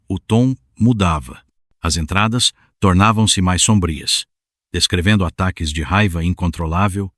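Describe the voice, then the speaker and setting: A man narrates a scripted horror tale with measured, solemn pacing. His voice sits low, recorded close with no room sound. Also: fairly bright tone, no room sound.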